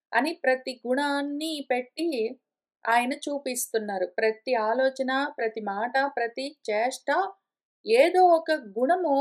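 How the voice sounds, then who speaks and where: A woman teaching a scripture study class, patiently explaining step by step with everyday examples. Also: fairly high pitch. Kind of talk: explanatory lecture. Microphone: conference call line.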